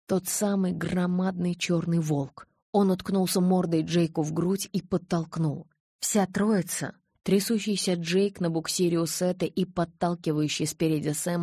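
A woman narrating a novel in the first person, expressive and lively. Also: lowish voice, no echo, clean studio sound. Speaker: audiobook narrator.

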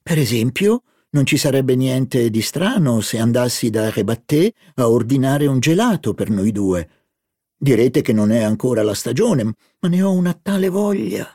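A man's voice: medium pitch, animated, moderate pace, dark tone, dry recording, studio quality. A man voicing a playful young woman in an audiobook, eager and coaxing as she chatters. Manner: bubbly, coaxing. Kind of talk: audiobook character voice.

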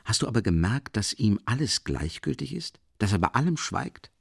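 A steady, firm doctor speaking in a low, measured voice, as a male narrator plays him, quiet and concerned. The sound is dry and close. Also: vocal fry, husky, no room sound, exaggerated voice.

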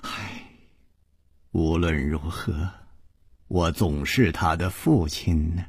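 Brief: narrator playing a sad, frightened older father, husky, halting, heavy sighs. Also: low voice, steady tone, no echo, studio quality, voice pushed down, exaggerated voice. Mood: sorrowful sighing. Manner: sighing, stammering in fear. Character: middle-aged father, sighing and trembling.

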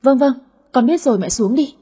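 A woman voicing a greedy, sulky daughter in her thirties with a high, whiny voice in an audio story. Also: animated, fairly quick, warm tone, slightly rough, heavily acted. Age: 30s. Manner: whiny, cheeky.

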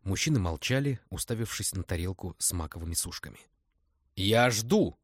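A man narrating an audiobook in steady scripted storytelling. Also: sits low, fast talker, dry recording, clean studio sound.

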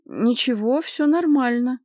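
A timid, tearful young girl in an audiobook drama, as a woman narrator puts her on. She speaks softly and pleadingly, a little higher than the narrator's own voice. The recording is dry and close. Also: animated, moderate pace, breathy edge, no room sound.

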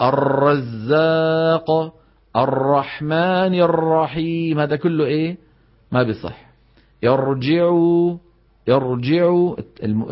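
Man teaching recitation, lo-fi. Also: fairly high pitch. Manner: demonstrates correct and faulty pronunciations, quizzes students. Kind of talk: classroom lesson on tajweed. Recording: dull lo-fi lecture recording.

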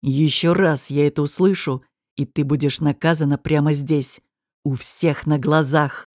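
A woman voicing a cold, cruel male gangster boss who threatens in a low hiss in an audiobook. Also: fairly even intonation, unhurried, a little mellow, no echo, studio quality. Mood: menacing.

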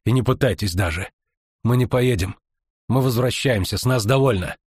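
A man reading an audiobook, voicing a tough, defiant young woman mercenary with a husky, blunt delivery. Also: medium pitch, normal speed, darkish tone, no echo, studio quality, natural voice. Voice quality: husky, plain-spoken.

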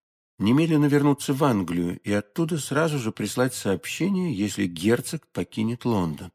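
A man doing a hushed scheming noblewoman. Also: medium pitch, sing-song, slow pace, heavily acted. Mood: hushed, businesslike. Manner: hushed, urgent. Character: cold, scheming young noblewoman spy.

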